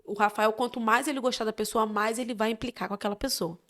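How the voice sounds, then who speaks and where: Brazilian woman telling stories, fairly high. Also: quick pace. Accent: Brazilian Portuguese. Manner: lively, expressive anecdote-telling. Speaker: podcast guest. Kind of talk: casual storytelling chat.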